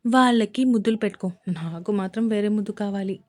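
A woman's voice: mid-range voice, quick pace, darkish tone, natural voice. A woman voicing a teasing young husband. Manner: teasing, scolding banter.

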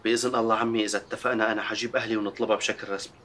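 A man's voice: fairly low pitch, flat delivery, rapid-fire, fairly bright tone, a little hiss or hum, lightly acted. A man playing a smug rich young suitor. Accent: Levantine Arabic.

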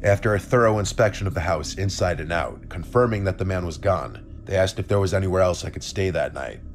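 Very deep-voiced male story narrator. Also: brisk, soft background music. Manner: calm, steady storytelling. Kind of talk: scripted narration.

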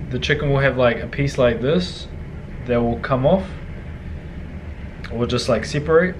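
A man's voice: mid-range voice, noisy background. Laid-back slangy New guy. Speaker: cooking vlogger. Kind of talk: casual cooking vlog. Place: outdoor backyard by a grill and indoor kitchen.

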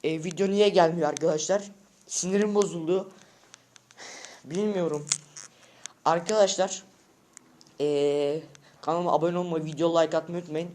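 A high-voiced male vlogger rants at his viewers from home, agitated and emphatic. He piles on slang and circles back to the same short lines over and over, talking casually and off the cuff. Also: fairly even intonation, normal speed, pauses often, a little mellow, slight background noise. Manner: agitated, keeps repeating short phrases and calling out to viewers. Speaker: vlogger addressing subscribers. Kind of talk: unscripted casual vlog rant. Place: at home indoors.

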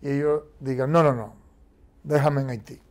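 A man's voice: medium pitch, normal speed. A middle-aged man arguing emphatically as a political commentator in a TV studio debate, talking with his hands. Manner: emphatic, animated, gestures a lot while talking.

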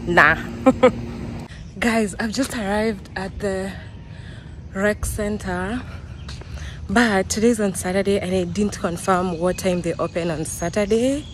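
A young Kenyan-accented woman talks slowly and easily into a handheld phone while out and about, breaking into laughter and self-mocking asides. Her pitch sits in a middle range. Faint outdoor noise and passing traffic sit underneath. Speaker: vlogger. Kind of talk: casual vlog chat to camera. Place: outdoors, walking around town.

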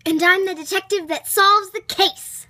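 A woman's voice: extremely high pitch, steady tone, normal speed, pushed and bright, dry recording, voice pushed up. A young girl voicing an eager, boastful little daughter in improvised dollhouse play. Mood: eager, excitable.

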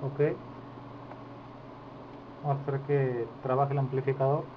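Here the technician sounds unhurried and flat, his pitch medium, as he informally shows a repair indoors on handheld camera. Its microphone yields muffled lo-fi audio with noticeable background noise.

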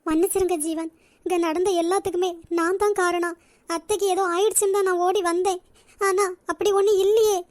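A very high, close and dry voice for a meek young college girl in a cartoon, voiced by a woman. She speaks softly and apologetically, with a pleading tone and a Nagercoil Tamil accent. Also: steady tone, brisk, dry recording. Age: young adult. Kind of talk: cartoon voice acting.

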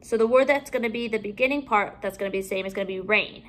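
A woman teaching a phonics lesson to young children from home, saying each word slowly and with careful, stretched-out enunciation. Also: medium pitch.

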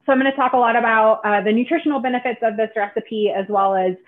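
A woman in her thirties, working as a sports dietitian, explains a recipe to children in an upbeat, instructive way, pausing often on "um." Her voice sits a little high. It comes through a tinny video-call connection from her home kitchen. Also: fairly even intonation. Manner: friendly, instructive, many "um" fillers. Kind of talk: live online cooking demo for kids.

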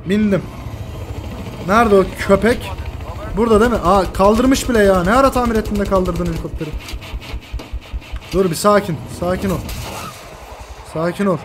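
A man commentating his own shooter gameplay, excitable, swearing and shouting at his teammates. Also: sits high, normal speed, pauses often. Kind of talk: live gaming commentary.

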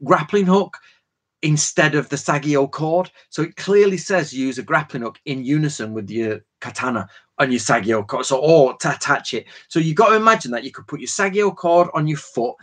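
A man's voice: a little high, normal speed, a bit bright. Man, forties, hosting a live Q&A; talky, tangent-prone, loose slangy delivery. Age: 40s. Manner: rambling, chatty, jumps between tangents; informal slang and frequent fillers. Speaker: host of a live Q&A stream. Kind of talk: casual live-stream Q&A lecture.

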